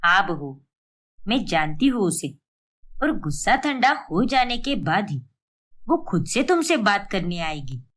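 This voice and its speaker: A woman voicing an older, caring mother-in-law who soothes and gently scolds. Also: mid-range voice, very animated, a little slow, voice pushed down. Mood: concerned.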